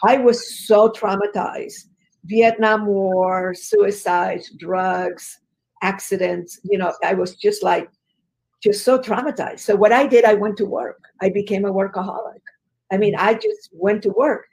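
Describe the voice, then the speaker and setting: Gravelly-voiced woman telling her story. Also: medium pitch, fairly even intonation, measured pace, darkish tone, rough recording. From Chile. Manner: earnest, emphatic storyteller with fillers. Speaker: guest, business educator. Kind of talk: conversational storytelling interview.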